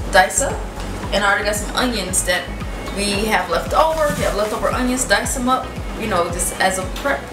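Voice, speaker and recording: Here a twentysomething woman with a medium-pitched voice casually narrates cooking in her own kitchen, sprinkling in plenty of "you know" and "y'all." Her delivery is loose and talkative. Captured by a distant camera mic, the audio sounds roomy, with loud music playing beneath.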